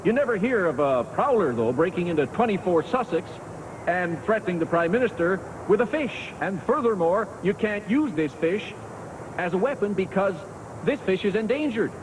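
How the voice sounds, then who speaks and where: A man's voice: sits high, lively intonation, normal speed, noisy background. A man doing a sketch comedy impression of an indignant politician, speaking in an emphatic, speechifying way. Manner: emphatic, declamatory. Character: indignant, oratorical male government politician.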